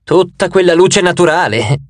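A man reading an audiobook, voicing the gloomy face of a two-faced male god in a slow, deep, ominous tone. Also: animated, no room sound. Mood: musing.

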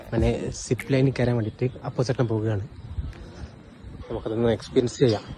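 A man's voice: steady tone, quick pace, music in the background. A man with a Kerala Malayalam accent chats casually for a vlog, mixing some English words into his Malayalam. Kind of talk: casual chat and vlog commentary. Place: on the road and outdoors at a park. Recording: noisy outdoor sound with vehicle rumble.

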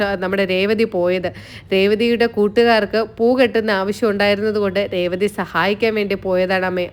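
A woman's voice: medium pitch, clear, resonant tone, close to an everyday voice. A woman voicing a shy, affectionate young husband who explains himself earnestly.

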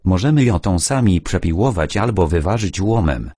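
An eager young scout from a storybook, earnest and explaining, as a male narrator voices him. The voice stays low and a little husky, with plenty of movement in the pitch. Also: expressive, moderate pace, mellow, no room sound, studio quality.

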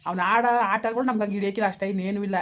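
A woman's voice: medium pitch, steady tone, rapid-fire, natural voice. A woman playing a stern elderly village father-in-law, blunt and questioning. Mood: gruff. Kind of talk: village skit acting.

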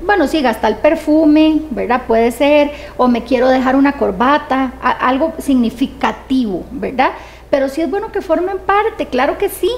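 A woman with a notably high voice, speaking as an expert guest in an interview. She explains things in a calm, measured way and often ends her points with a quick tag question, over a faint background hiss. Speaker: grief specialist guest.

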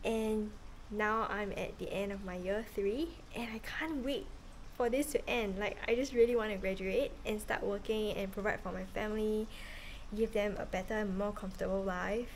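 A woman's voice: medium pitch, moderate pace, slight background noise, rough recording. A woman in her thirties from Singapore, chatting earnestly to a camera held at arm's length on a house porch, with many fillers. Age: 30s. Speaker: vlogger, medical student. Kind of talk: casual talking-to-camera vlog.

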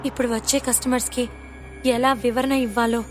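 Lady putting on a worried young designer girl, higher voice, fretful, soft music behind. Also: level tone, normal speed, close to an everyday voice. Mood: anxious. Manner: fretful, rising and pleading.

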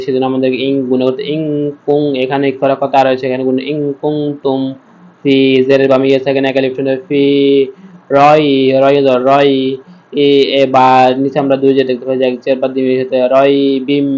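A man teaching Quran reading, spelling out letters and vowel marks, with slow drawn-out recitation between plain explanations. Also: mid-range voice, a little mellow, poor audio.

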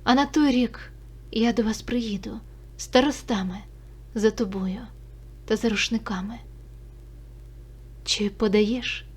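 A woman voicing a tender, sorrowful young Cossack man in a hushed, whispered role-play, dropping her voice low and soft. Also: steady tone, slow pace, long pauses, slightly rough.

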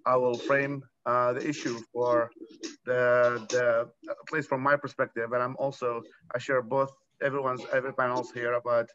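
A man in his thirties from Iraq speaking as a panelist on a video call, earnest and halting with restarts. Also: medium pitch, little pitch movement, fairly bright tone, slight background noise. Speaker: panelist, nonprofit founder. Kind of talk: conference panel talk. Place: room at home. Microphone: laptop webcam on video call. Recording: dull lo-fi video call audio.

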